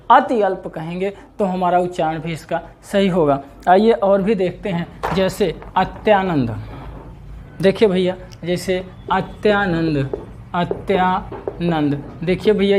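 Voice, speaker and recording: A man teaching an exam-prep grammar lesson, lively and repeating questions to his students. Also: sits high, slight background noise. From India.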